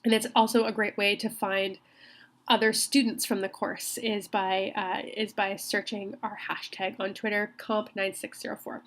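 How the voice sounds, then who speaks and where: Nursing a slight cold, a woman teaching college takes her class through a recorded lecture, chatty and warm yet flat in delivery. Her medium-pitched, slightly bright voice often stalls on ums and begins sentences again.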